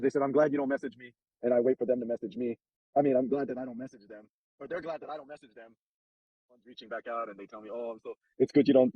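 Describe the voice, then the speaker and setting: A man's voice: on the low side, husky, no room sound, lo-fi sound. A man hosting a casual advice chat, blunt, profane and streetwise, talking from a car. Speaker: host giving dating advice.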